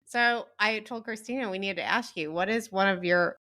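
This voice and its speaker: A woman's voice: medium pitch, normal speed, sharp tone. A woman co-hosting a podcast with a Midwestern American accent, conversational, slipping into voices when quoting people. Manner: conversational, mimics others' voices. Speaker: podcast co-host. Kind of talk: casual chat.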